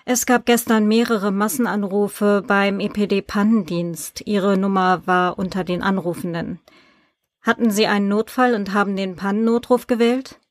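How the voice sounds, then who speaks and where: A polite, persistent male journalist in an audiobook, read by a woman. He asks questions in a calm, businesslike way. The recording is dry and close. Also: medium pitch, normal speed, no echo, close to an everyday voice.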